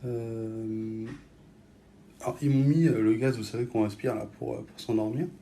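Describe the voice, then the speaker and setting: Jeune Français au parler cru, son bruité. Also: male voice, mid-range voice, fairly even intonation, moderate pace, creaky, warm tone, slight background noise. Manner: offhand, blunt, swearing. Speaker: vlogger filming stories for followers. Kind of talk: casual chat to camera, slangy.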